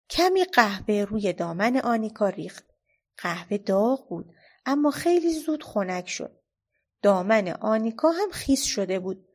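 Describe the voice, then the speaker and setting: A woman narrating a children's storybook in a steady, expressive read-aloud manner. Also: mid-range voice.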